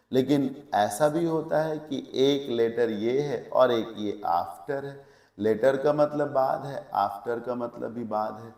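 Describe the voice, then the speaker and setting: A man's voice: mid-range voice, a little mellow. Male teacher, echoey classroom. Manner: explains step by step, asks checking questions; mixes English words into Hindi. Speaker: English teacher. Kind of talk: classroom lecture.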